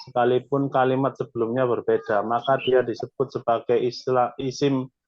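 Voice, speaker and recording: A man's voice: mid-range voice, flat delivery, normal speed, dry recording. A man, a student, reading an Arabic textbook aloud carefully in a lesson. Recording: dull, dry lo-fi sound.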